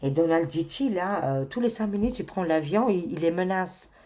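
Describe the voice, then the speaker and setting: Deep-voiced woman, tarot reader, casual chatty delivery with lots of fillers and bursts of excitement. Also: normal speed. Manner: chatty, with many fillers and exclamations. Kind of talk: casual spiritual card reading to viewers.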